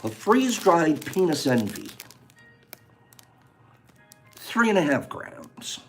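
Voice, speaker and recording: A man hosts a casual livestream in an easygoing, chatty way, greeting viewers by name as he runs a guessing game. His voice sits a little high and swings widely in pitch. Faint music plays behind him. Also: slow. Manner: animated, chatty, reading out viewer names. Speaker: livestream host.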